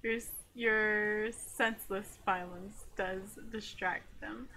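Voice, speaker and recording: A woman's voice: medium pitch, steady tone, takes it slowly, bright, forceful tone, a little hiss or hum. A woman livestreamer reading a game aloud with casual asides, often giggling as she reads. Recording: music behind the voice.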